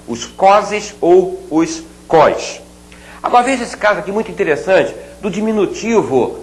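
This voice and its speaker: A man teaching grammar to students, spelling out example words slowly and checking in with rhetorical questions. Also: a little high, low-quality recording. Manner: playful asides to students. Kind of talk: recorded grammar lesson at a board.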